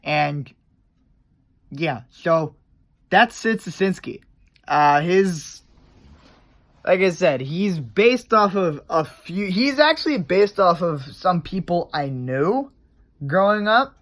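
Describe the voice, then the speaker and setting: Rambling male vlogger with a slightly high voice, casual, explaining his craft. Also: animated, slow pace, long pauses, fairly bright tone. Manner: loose and rambling, trailing off and restarting. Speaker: character creator on his own channel.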